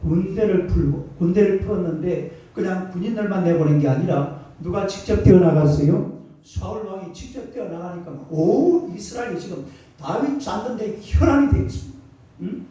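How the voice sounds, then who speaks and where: Animated pastor in an echoey sanctuary. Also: male voice, high-pitched, normal speed. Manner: animated call-and-response preaching, colloquial and emphatic. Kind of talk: sermon. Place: church sanctuary. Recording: distant, echoey, dull church recording.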